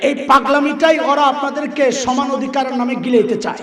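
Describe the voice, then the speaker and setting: High-voiced preacher, echoey hall. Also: male voice, fairly even intonation, fairly quick, far from the mic, a crowd in the background. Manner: call-and-response, quizzing the audience; acts out voices in quotes. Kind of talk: Islamic sermon to a crowd.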